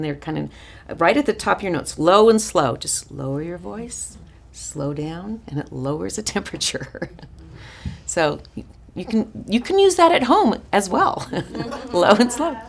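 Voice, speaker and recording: A woman with a raspy voice teaching a counseling workshop in a chatty, informal way, often restarting her sentences. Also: medium pitch, a little hiss or hum. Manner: chatty, warm-hearted asides with frequent restarts and fillers. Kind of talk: informal teaching talk to a small group.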